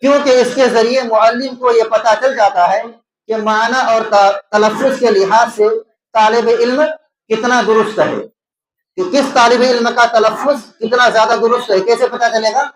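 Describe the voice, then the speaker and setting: A man's voice: very high voice, fairly even intonation, crowd noise. A man with an Indian Urdu accent gives an exam-prep lecture as a teacher. He asks questions and answers them himself, repeating key terms to explain them. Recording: echoey room.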